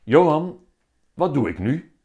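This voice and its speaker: A man's voice: fairly high pitch, takes it slowly, lo-fi sound, voice pushed up. A man voicing a playful, theatrical bearded schoolteacher. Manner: theatrical, animated teaching.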